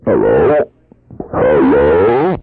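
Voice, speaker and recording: A man playing a pompous, addled old army general who talks in a deep, slow, deadpan monotone full of absurd military bluster. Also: gravelly, breathy edge, heavily acted. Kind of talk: 1980s home-made comedy tape. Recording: muffled lo-fi cassette tape.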